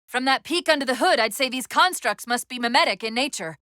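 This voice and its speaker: This female AI companion from a sci-fi video game has a high, lively voice whose pitch moves freely. She delivers crisp military commands and briefings with brisk, wry urgency, sounding focused. The recording is very dry and close.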